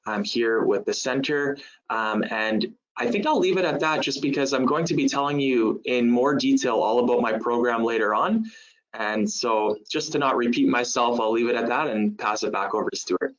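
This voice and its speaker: A man's voice: mid-range voice, moderate pace. A man coordinating a college program, introducing himself briefly and politely on a webinar. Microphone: video call. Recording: dull lo-fi call audio.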